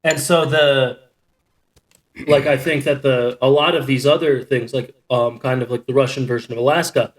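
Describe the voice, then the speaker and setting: A man's voice: medium pitch, steady tone, moderate pace. A man co-hosting a casual podcast, thinking aloud with many fillers and restarts. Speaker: podcast co-host. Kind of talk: casual chat.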